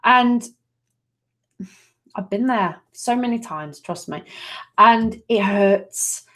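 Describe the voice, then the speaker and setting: This middle-aged woman from Nottingham, England, talks slowly and at a fairly high pitch while giving a live angel card reading. She sounds soft and comforting, sprinkling in plenty of fillers and terms of endearment.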